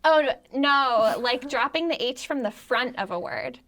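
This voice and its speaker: A woman's voice: high-pitched, lively intonation, normal speed, fairly bright tone. An American woman guesting on a casual podcast, thinking aloud and searching for words. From United States.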